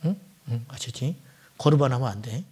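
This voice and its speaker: A man's voice: mid-range voice, expressive, a little fast, slightly rough. A middle-aged male pastor giving a Friday night sermon, firing rhetorical questions at the congregation and dropping at times to near whispers. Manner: swings between loud exclamations and near-whispered asides. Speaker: senior pastor.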